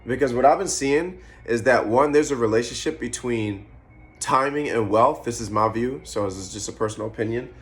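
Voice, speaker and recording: A man in his twenties talks straight to the camera in an unscripted vlog. He rambles from thought to thought, swears freely and thinks out loud as he goes. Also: mid-range voice, fairly quick. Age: 20s. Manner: rambling, profane, musing aloud; eating while talking. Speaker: vlogger. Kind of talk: casual monologue to camera.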